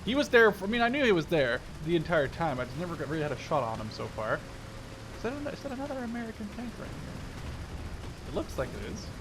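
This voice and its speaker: A fast, sing-song voice on the higher side belongs to a Canada-based Dutch gaming video host in his twenties. His gameplay commentary is casual, chatty and playful, often spoken as he thinks things through. The recording carries tank game sounds, with vehicle and game noise behind him.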